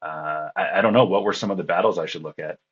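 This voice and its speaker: In a dull-sounding recording, a low, husky-voiced man talks fast as an interview guest and contest radio operator. Sleep-deprived and groggy, he rambles casually and tiredly, laughing often.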